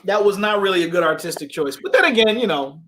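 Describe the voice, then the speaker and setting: A man's voice: high voice, expressive, fast, fairly bright tone, a little hiss or hum. A man co-hosting a casual podcast chat, ranting animatedly about films and acting out quoted lines. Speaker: podcast co-host.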